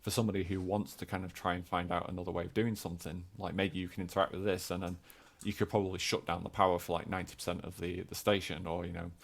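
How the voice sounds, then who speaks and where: A game developer explaining footage, speaking hesitantly with many fillers. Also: male voice, low-pitched, flat delivery, fast, few pauses. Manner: hesitant, full of hedging fillers.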